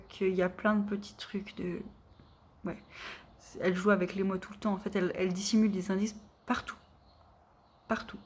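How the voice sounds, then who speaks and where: A woman's voice: mid-range voice, darkish tone. Chatty young woman gushing about books. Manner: chatty, rambling, many fillers and restarts; enthusiastic, gushing. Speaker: book vlogger. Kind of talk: casual chat.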